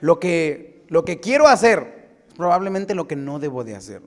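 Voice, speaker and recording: With a slightly high voice and normal pacing, a U.S. pastor shares a story from his own life in the middle of a sermon. The delivery is animated and anecdotal, rising into emphatic exhortation, all carried by the long echo of a church hall in the sanctuary.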